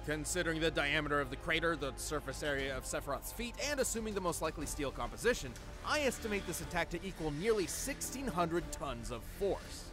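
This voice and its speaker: An earnest, nerdy scientist co-host performed by a man, with a fairly high voice and animated intonation. He explains things precisely in scripted narration, with music clearly audible underneath. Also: brisk, hardly any pauses, lightly acted. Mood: analytical. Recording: voice over background music.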